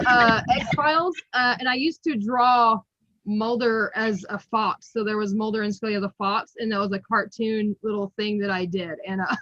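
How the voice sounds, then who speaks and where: Giggly, bright-voiced woman in her thirties. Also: a little high, dry recording. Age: 30s. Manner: giggly, laughs often between thoughts. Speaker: guest collector. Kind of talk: casual interview chat. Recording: muffled, dry.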